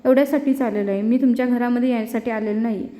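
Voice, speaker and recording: A woman doing a proud young male mechanic who speaks firmly and curtly, in her mellow voice. It sounds roomy, with a long echo. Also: a little high, steady tone, quick pace, lightly acted. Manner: firm, curt. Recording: echoey room with long reverb.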